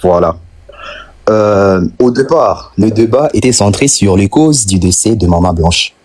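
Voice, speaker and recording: This Congolese man's voice is lowish, darkish and expressive, and he speaks a little slowly. Live-streaming from the Democratic Republic of the Congo context with a Congolese French accent, he pushes an impassioned argument, piling up rhetorical questions and repeating phrases to drive points home.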